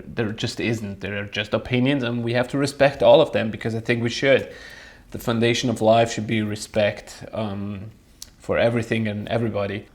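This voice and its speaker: A young man from Switzerland chatting casually to camera as a vlogger, thoughtful and a little hesitant, often breaking into light chuckles. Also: mid-range voice.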